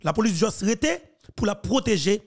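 Haitian man, high voice, earnest commentary. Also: sing-song, moderate pace. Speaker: news commentator. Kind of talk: commentary on a played clip. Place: small plain room, indoors. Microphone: studio mic on a boom, wearing headphones.

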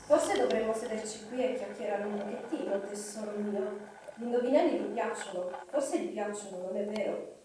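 A woman's voice: mid-range voice, close to an everyday voice. A woman voicing a hissing, wheedling male cave creature, sly and hungry, at a live reading. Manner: hissing, drawn-out, slyly ingratiating. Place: live reading evening in a hall. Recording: echoey hall, distant mic, faint noise.

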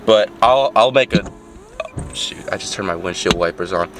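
With music playing in the background, a young adult fitness vlogger talks casually to a camera he holds out at arm's length in his car. His low, nasal, congested voice moves at a moderate pace, rambling with frequent fillers and restarts.

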